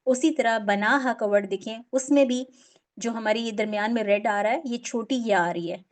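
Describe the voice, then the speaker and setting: A woman's voice: fairly high pitch, normal speed. Patient woman teaching Quran recitation. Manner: patient, explains step by step, stretches out example words. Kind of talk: online class teaching.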